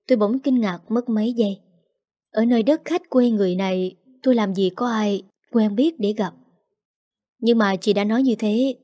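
Mellow-voiced woman narrating an emotional story. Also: mid-range voice. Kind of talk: first-person audio story narration.

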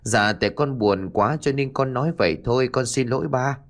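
A man's voice: fairly quick, lightly acted. A man voicing a stubborn, grieving young village girl, with a pleading, raised voice. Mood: sad, pleading. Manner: pleading, tearful, raised high voice.

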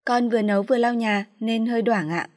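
A woman's voice: on the high side, a little fast, in a large hall, voice pushed up, lightly acted. A woman voicing a meek, dutiful young daughter who answers politely. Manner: polite, soft and submissive.

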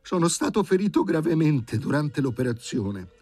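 A man voicing a surly, coarse man who was once a dog, gruff and sullen, in an audiobook reading. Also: a little high, animated, measured pace, a little mellow, dry recording, soft background music, voice pushed up. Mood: whining.

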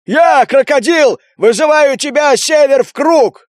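A man voicing a hulking, hostile crocodile mutant gang boss who talks gruffly and picks fights. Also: extremely high pitch, expressive, measured pace, a bit bright, no echo, studio quality, pitched above the performer's own voice, heavily acted. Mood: challenging. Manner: gruff, belligerent, challenging.

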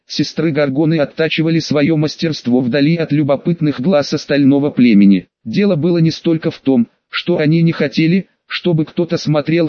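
A man's voice: fairly high pitch, dry recording. Male audiobook reader, dull lo-fi sound. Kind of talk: audiobook narration. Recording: dull lo-fi close-miked sound.

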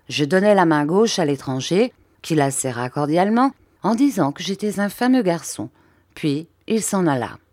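Woman, audiobook narrator, low voice, measured reading, dry close mic. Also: darkish tone, no room sound. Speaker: audiobook reader.

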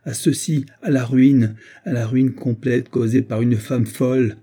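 A man reading an audiobook, voicing a furious, scheming gentleman who shouts accusations at his housekeeper. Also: on the low side, level tone, unhurried, breathy edge. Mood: despairing rage. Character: enraged scheming gentleman, middle-aged man.

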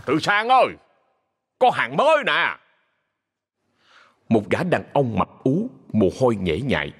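A man narrating a ghost story in a measured, expressive storytelling voice. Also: fairly low pitch, slightly rough.

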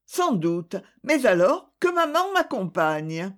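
A spiteful, proud young woman with a petulant edge, voiced by an audiobook reader. Her pitch leaps about while the phrasing stays slow. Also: sing-song. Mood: reluctant. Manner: petulant, triumphant.

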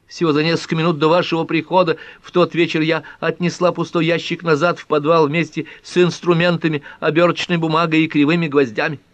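A man's voice: fairly high pitch, flat delivery, brisk, few pauses, no room sound, pitched above the performer's own voice, natural voice. A man voicing a young woman with a trembling, pleading voice. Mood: shaky pleading.

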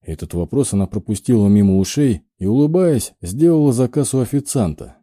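Dark-voiced male audiobook narrator. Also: medium pitch, brisk, no echo, clean studio sound. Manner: expressive storytelling. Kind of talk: scripted narration.

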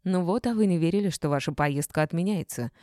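A gruff middle-aged boss who barks blunt orders and growls his reproaches, as a woman reader voices him. The voice is dark and mellow, recorded close and dry. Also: sits low, moderate pace, no echo. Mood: mocking.

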